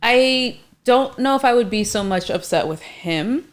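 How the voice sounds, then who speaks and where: A woman's voice: fairly high pitch, lively intonation, unhurried. A woman on a podcast, speaking candidly from personal experience in casual chat.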